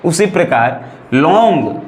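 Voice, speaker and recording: Brief: male grammar teacher with a Bhojpuri accent, high voice, echoey room. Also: sing-song, takes it slowly. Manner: repetitive, checks in with "right or not?". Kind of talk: classroom-style lesson.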